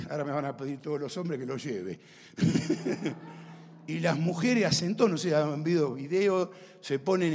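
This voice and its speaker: Middle-aged Rioplatense male pastor, lively testimony sermon, slightly high pitch. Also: big-room sound. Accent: Rioplatense Spanish. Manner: animated storyteller, talks to audience.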